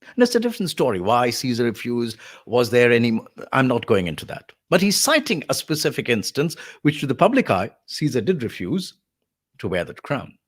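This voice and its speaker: A male voice artist giving a spoken lesson on vocal delivery, explaining in a lively way with quick asides. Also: medium pitch.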